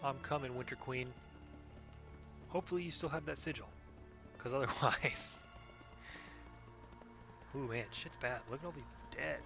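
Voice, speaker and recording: A man streams a video game over game music, chatting casually, joking, swearing and reading quest text aloud. His medium-pitched voice has vocal fry, and he speaks at a measured pace with frequent pauses.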